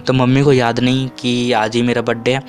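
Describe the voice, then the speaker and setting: Over soft background music, a young man in his twenties shares childhood stories with his viewers in a loose, rambling way. His voice is middling in pitch for a man, brisk, and shows little pitch movement. He restarts and corrects himself mid-sentence, and quoted lines come out in a much higher voice.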